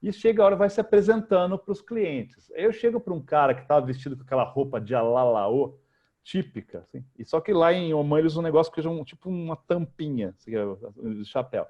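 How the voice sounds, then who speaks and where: A man with a Brazilian Portuguese accent, a guest telling lively, slangy anecdotes in a casual interview. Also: a little high, fast, lo-fi sound. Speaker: guest, futurist.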